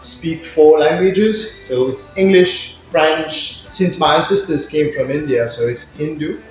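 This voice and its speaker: A man's voice: fairly high pitch, a little slow. Mauritian man in a very echoey room. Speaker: interview guest, business incubator worker. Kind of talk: conversational interview answers. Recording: very echoey room, music in mix.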